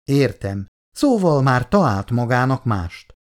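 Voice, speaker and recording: A man's voice: medium pitch, big pitch swings, natural voice. A reader voicing a lovesick young man who presses with eager questions in a storybook reading. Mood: pressing.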